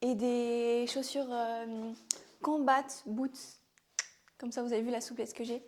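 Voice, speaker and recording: A young woman with a regional French accent chatting casually in a vlog, rambling and filling pauses with "euh". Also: fairly high pitch, level tone, darkish tone. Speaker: vlogger.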